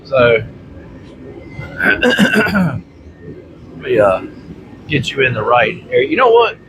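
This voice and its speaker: Slow and mid-range, the voice belongs to a man congested from bronchitis, chesty and repeatedly clearing his throat. He hosts a vlog from a workshop, rambling casually to camera in colloquial, folksy language while a heater runs steadily nearby.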